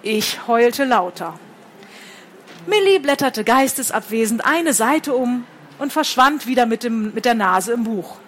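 A woman's voice: fairly high pitch, measured pace, a little hiss or hum. Woman author reading her novel aloud. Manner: lively, wry first-person narration. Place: book fair.

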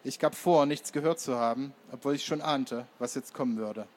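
A man narrating an audiobook in first person with measured, even storytelling. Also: medium pitch.

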